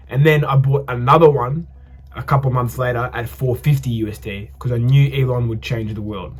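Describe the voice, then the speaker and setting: Young aussie guy rambling casually to camera, mid pitch, restarts his sentences a lot, soft music underneath. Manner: chatty, loose, self-correcting. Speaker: investing vlogger. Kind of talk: casual vlog monologue.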